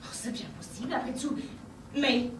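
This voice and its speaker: Stage wife, formal and wondering, played by a woman, high voice, echoey hall, noisy, far from the mic. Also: fairly even intonation, moderate pace, natural voice. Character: prim English wife, politely puzzled. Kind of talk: amateur stage acting.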